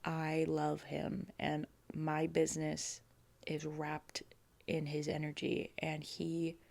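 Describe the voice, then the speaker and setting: Gravelly low-voiced woman podcaster. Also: monotone, slow, a little mellow, no echo. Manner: rambling, filler-heavy, emotional. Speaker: podcast host. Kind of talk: casual solo podcast chat.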